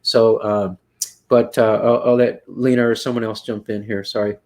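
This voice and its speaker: Hosting a casual panel discussion over video call from a room at home, a man in his thirties from South Texas's Rio Grande Valley rambles through self-correcting turns, restarting often and mixing in Spanish words. His voice sits on the low side, a little mellow, with little pitch movement and a normal pace, picked up by a headset.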